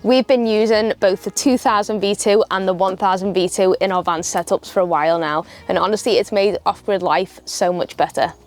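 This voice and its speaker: A woman's voice: medium pitch, moderate pace, hardly any pauses, a little mellow, soft background music. A woman presenting to viewers as co-host of an online video. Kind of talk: YouTube presenting.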